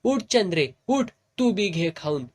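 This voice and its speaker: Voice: medium pitch, expressive, measured pace, pitched above the performer's own voice. A narrator voicing a fussing old village woman with a rural Satara accent, who coaxes the others to eat. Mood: coaxing. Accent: rural Satara Marathi. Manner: scolding, coaxing, motherly.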